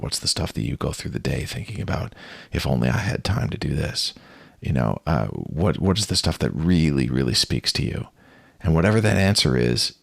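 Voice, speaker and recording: Deep gravelly man hosting. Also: no room sound, studio quality. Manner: earnest, rhetorical questioning. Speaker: podcast host. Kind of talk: conversational podcast interview.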